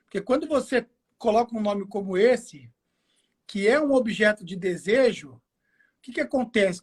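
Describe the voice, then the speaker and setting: A man's voice: high-pitched, breathy edge. Casting: male Brazilian guest expert, informal and slangy, explains through self-answered questions. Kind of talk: casual explanatory chat. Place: home garage.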